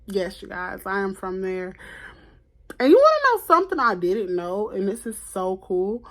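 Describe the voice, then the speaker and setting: A woman in her twenties from Florida, chatting casually to camera as a podcast host, animated and repeating herself with laughs. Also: medium pitch, moderate pace. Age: 20s. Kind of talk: casual vlog chat to camera.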